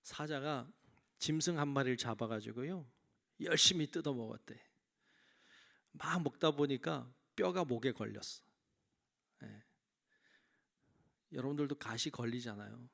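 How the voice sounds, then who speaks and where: A man's voice: mid-range voice, unhurried, creaky, long pauses, fairly bright tone. A male senior pastor preaching a sermon in church, telling a story and asking the congregation questions.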